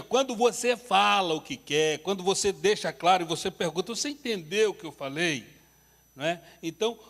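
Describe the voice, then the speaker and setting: A man with a high, slightly bright voice leads a couples workshop at church, telling humorous, self-deprecating stories. The church hall makes the recording reverberant.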